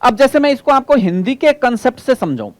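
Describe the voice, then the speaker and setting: A male teacher gives an exam-prep lecture, repeating points, questioning the class, and slowly drawing out key terms. His voice is very high with big pitch swings, and the audio has no echo.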